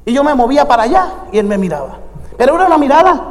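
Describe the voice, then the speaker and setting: A male pastor with an unusually high voice tells stories from the pulpit and builds them into fervent, shouted calls to the congregation. His words ring through a church sanctuary with a long reverb. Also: very animated, rapid-fire. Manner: fervent preaching that swells into shouted exhortation. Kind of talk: sermon with storytelling.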